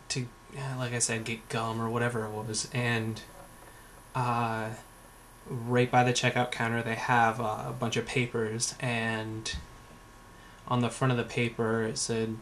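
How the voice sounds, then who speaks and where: Sarcastic young man, flat voice. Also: mid-range voice, slight background noise. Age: young adult. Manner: sarcastic, rambling, lots of fillers and profanity. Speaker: vlogger. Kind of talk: casual storytelling vlog.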